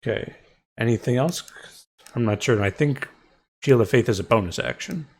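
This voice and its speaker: A man's voice: mid-range voice, lively intonation, moderate pace, breathy edge. A man as game master, explaining rules and narrating the scene with frequent ums and restarts. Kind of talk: narrating and ruling a tabletop game.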